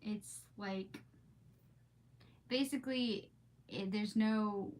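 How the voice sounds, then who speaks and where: Very slow and darkish, a woman's medium-pitched voice carries a livestream of storybook reading and casual chat. She rambles and gushes informally with viewers, and the background is clearly noisy.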